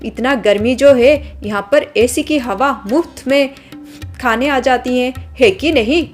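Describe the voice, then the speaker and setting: A woman's voice: sits high, unhurried, soft background music. A woman voicing an arrogant, spoiled young woman from a rich family who scolds and sneers, in a storybook drama. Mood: haughty scolding.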